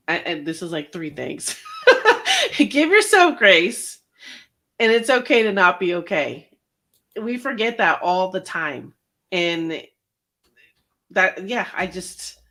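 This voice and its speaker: A woman's voice: lowish voice, a bit bright. A woman veteran and life coach, talking earnestly in an interview, laughing often and restarting her sentences. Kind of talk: casual interview talk.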